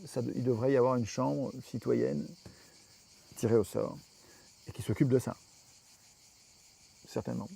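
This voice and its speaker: A man's voice: medium pitch, steady tone, a little slow, creaky, long pauses, dark tone, breathy edge. A French man, interviewed, explaining his political views at length with emphatic reasoning and frequent restarts.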